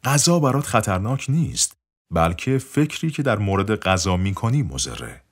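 A man voicing a calm, easygoing spiritual teacher. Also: medium pitch.

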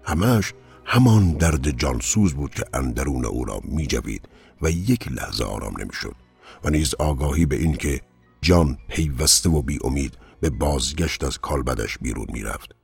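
Very deep gravelly male narrator. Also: animated, darkish tone, soft background music. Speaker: audiobook narrator. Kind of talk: scripted narration of a novel.

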